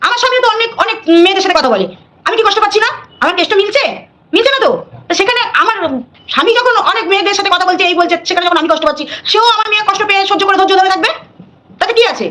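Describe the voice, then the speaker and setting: A middle-aged livestreamer with a high, bright, forceful voice talks rapidly while scolding defiantly. She presses her arguments by saying them again and again.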